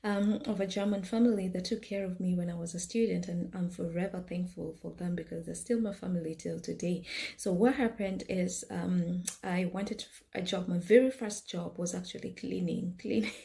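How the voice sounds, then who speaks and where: A woman's voice: fairly low pitch, fairly even intonation, moderate pace, vocal fry, dark tone. A woman from Kenya, likely in her thirties, casually telling her own life story to camera, chatty and full of fillers and repeated words.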